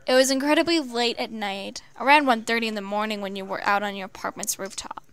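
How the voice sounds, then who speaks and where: A woman reading fan fiction aloud, halting with many stumbles and restarts. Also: fairly high pitch, fairly bright tone, clean tone. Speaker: storyteller.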